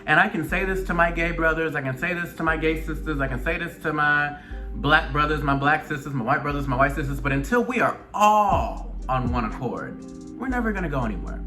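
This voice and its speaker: Over background music, an Atlanta-based video blogger and show host with a Southern US accent talks earnestly to his viewers in a personal commentary. His voice sits on the high side, expressive and brisk, and he repeats phrases emphatically to make his points stick.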